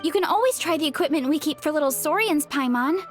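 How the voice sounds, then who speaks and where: A woman with a high-pitched, expressive voice speaks quickly, voicing a cheerful, easygoing young fruit seller in an anime-style video game. The character is friendly, earnest and encouraging, with game music in the background.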